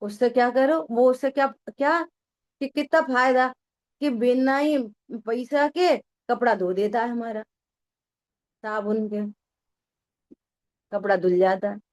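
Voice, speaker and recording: A woman's voice: on the high side, slow pace, pauses often, darkish tone. A woman leading a religious study class in a conversational style. She keeps asking her listeners whether they follow, and she scolds them in a familiar, teasing way. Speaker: teacher of a scripture study class.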